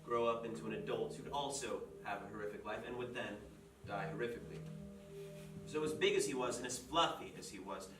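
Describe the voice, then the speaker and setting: An actor playing a writer who tells a dark fairy tale aloud in a measured, deliberate way, in a stage play. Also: male voice, mid-range voice, lightly acted. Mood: somber storytelling. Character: grim storyteller telling a dark fairy tale. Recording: echoey stage from far off, with music.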